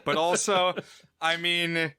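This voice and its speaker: A man co-hosting a film podcast walks through a movie's plot in easy, conversational chat. His voice is bright and forward. The sound is crisp and smooth, recorded dry and close with no room around it. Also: on the high side, little pitch movement, slow pace, no room sound. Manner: recaps the plot at length in a loose, conversational way. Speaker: podcast co-host. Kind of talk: casual film review chat.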